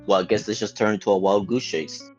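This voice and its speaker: A man's voice: on the low side, fast talker, a little mellow. A man playing in a tabletop game, talking casually and hesitantly with restarts. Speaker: player. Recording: dull audio with guitar music.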